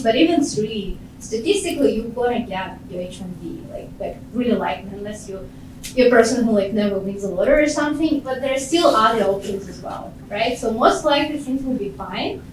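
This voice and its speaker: A woman's voice: medium pitch, darkish tone, recorded from a distance, a little hiss or hum. A woman from Ukraine giving casual, encouraging career advice to students, talking chattily with many "like" fillers. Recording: very echoey room, off-mic.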